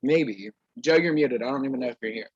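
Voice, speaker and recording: Hosting an online reality game over a video call, a man introduces the players one at a time in a playful, sassy way, leaning on the catchphrase "period." His voice is medium-pitched, fairly quick and husky. There's no room sound, and the high frequencies are cut off.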